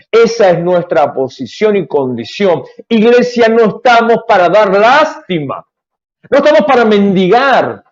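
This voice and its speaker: A middle-aged pastor preaches a live devotional, his high voice leaping up and down with emphatic, animated delivery. The sound is dull and lo-fi, like a home livestream.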